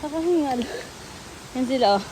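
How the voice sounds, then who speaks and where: Outdoors on a rocky waterfall trail, a woman travel vlogger narrates excitedly in a high voice at a moderate pace, often out of breath from the hike. She's exclamatory and mixes in English, with the waterfall's loud roar behind her, slight background noise, and poor audio.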